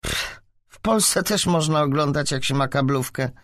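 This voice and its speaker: A man's voice: high voice, very animated, moderate pace, dry recording, studio quality, pitched above the performer's own voice, full character voice. A man reading an audiobook, voicing a scornful, taunting teenage schoolgirl. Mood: sneering. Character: snide, mocking teenage schoolgirl.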